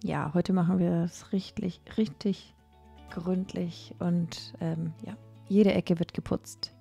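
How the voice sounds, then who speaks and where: Mellow-voiced woman chatting over music. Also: fairly low pitch, fairly even intonation, vocal fry, breathy edge. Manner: chatty, with many fillers and pauses. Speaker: cleaning vlogger. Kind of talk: casual voice-over narration.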